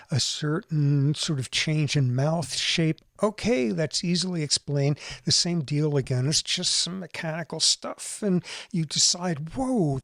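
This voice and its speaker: A man with a somewhat high voice explains brain science in a relaxed lecturing way, with quick jumps into mimicry. The sound is dry and close to the mic, with no room behind him. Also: no echo. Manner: explanatory, animated, mimics accents briefly. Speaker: podcast host explaining neuroscience. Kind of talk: conversational lecture.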